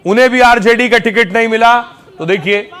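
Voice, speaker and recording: A man narrating a television news report as anchor, with a brisk, punchy broadcast delivery. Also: extremely high pitch, a bit bright.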